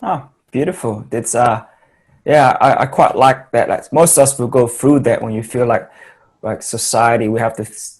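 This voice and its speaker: A man's voice: mid-range voice, moderate pace. A man hosting a podcast, asking questions in a rambling way and repeating words. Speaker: podcast host. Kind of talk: conversational interview.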